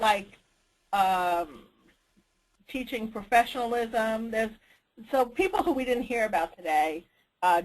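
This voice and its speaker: On a noisy conference call line, a woman with a slightly high voice organizes and leads a group call. She speaks informally and tentatively, thinking aloud and checking in with the others.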